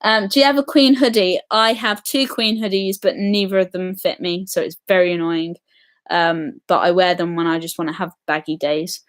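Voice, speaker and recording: A woman hosting a casual live stream, chatty and excitable, answering viewer comments with lots of ums. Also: fairly low pitch, normal speed. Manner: chatty and excitable, many ums, reacts to comments as they come.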